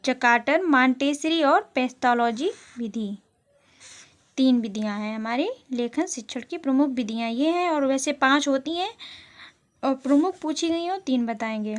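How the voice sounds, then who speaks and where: A woman with a high voice is giving an exam-prep lesson. She reads out each question, explains the answer, and goes over the key terms a second time. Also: lively intonation, unhurried. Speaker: teacher.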